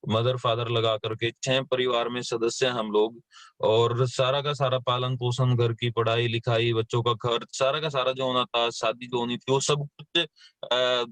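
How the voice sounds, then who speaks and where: A man in his thirties from western Uttar Pradesh, India, tells his life story as an invited speaker on a live motivational session. His medium-pitched voice is a bit bright, with no room sound, and his plain storytelling is full of fillers and repeated words.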